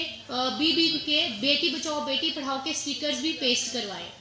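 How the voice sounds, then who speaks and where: Bright-voiced woman reporting at an event. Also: high-pitched. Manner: steady listing of dates and activities, Hindi mixed with English. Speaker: program officer reporting on events. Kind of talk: formal speech at a public event. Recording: echoey hall with some noise.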